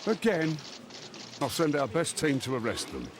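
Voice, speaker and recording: Highly animated Victorian police inspector. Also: male voice, normal speed, noisy background. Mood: concerned, brisk. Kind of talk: dramatic video game acting.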